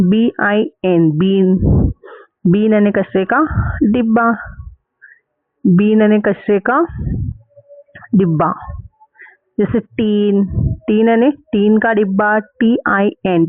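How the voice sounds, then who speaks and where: Slow-spelling man with a high voice. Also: no echo, narrow, tinny audio. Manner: spells words letter by letter, then repeats and translates. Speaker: English teacher. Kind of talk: slow spelled-out phonics lesson.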